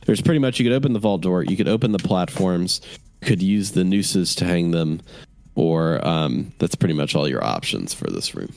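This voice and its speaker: A man's voice: sits low, expressive, normal speed, creaky, a little mellow, no room sound. A man narrating as game master of a tabletop game, describing scenes in a rambling way with many fillers.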